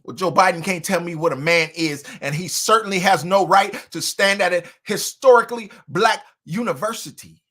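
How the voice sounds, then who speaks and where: A man hosting a livestream commentary, mocking and preachy, with loud swings in volume. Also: high voice, normal speed, few pauses. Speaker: commentary host.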